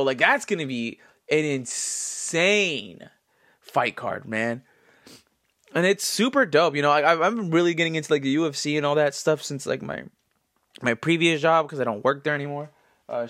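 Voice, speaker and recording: A man in his twenties, congested, talking in a rambling, animated style full of fillers as a solo podcast host. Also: on the high side. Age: 20s. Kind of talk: casual solo commentary.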